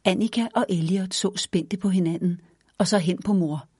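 A woman reads a children's story aloud in a gentle, even way. Her voice sits low with a husky, breathy edge. The recording is close and dry, with no room sound. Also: dry recording.

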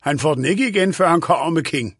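A man's voice: a little high, animated, breathy edge, dry recording, clean studio sound, pitched above the performer's own voice. A man voicing a fussy senile old lawyer. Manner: querulous, scolding, raised voice. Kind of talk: audiobook character voice.

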